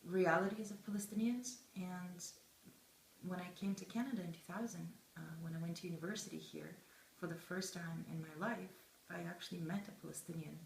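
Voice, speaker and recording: Young woman, low pitch, reflective interviewee, pausing as she thinks; echoey room. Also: gravelly. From Israel, of Russian immigrant background. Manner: thoughtful, deliberate, pausing mid-phrase. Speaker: interviewed journalist and film student. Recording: echoey room with faint background noise.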